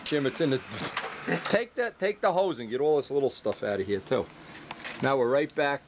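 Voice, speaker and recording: A man talks casually through hands-on workshop jobs, giving instructions mixed with teasing banter. His pitch is average, and a faint layer of workshop noise sits behind him. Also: expressive, moderate pace. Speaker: host, model plane builder directing helpers.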